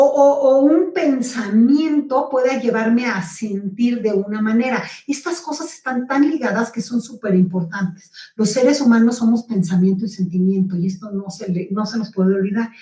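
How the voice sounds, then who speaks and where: A middle-aged woman lectures on personal development in a fairly high voice. She explains patiently and keeps checking in with her listeners. Her voice sounds roomy and set back from the microphone. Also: a little slow, mellow. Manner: explanatory, addresses audience with frequent check-ins. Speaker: speaker on communication. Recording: roomy, distant from the mic.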